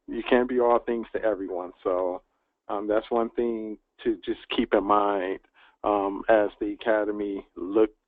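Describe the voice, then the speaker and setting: A man speaking as a webinar panelist, giving steady advice with some fillers. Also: lowish voice, no echo. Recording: dry, tinny phone-line audio.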